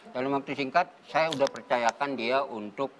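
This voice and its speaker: An older man, a theater group founder and talk show guest, telling the story in a measured, earnest way and stopping to search for words. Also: medium pitch, slight background noise, low-quality recording.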